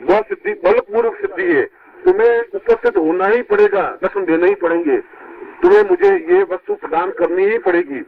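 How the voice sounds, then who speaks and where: A man giving a spiritual discourse to his disciples, heard from an old, worn tape, emphatic and leaping high when he stresses a point. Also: wildly swooping pitch, brisk, vocal fry, phone-quality sound. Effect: old worn tape recording. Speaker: spiritual teacher.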